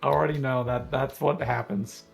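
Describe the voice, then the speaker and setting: A man's voice: mid-range voice, fairly even intonation, moderate pace, gravelly, soft background music. A man on a gaming livestream's voice chat, talkatively explaining game mechanics step by step in casual chat. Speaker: guest co-player on a livestream.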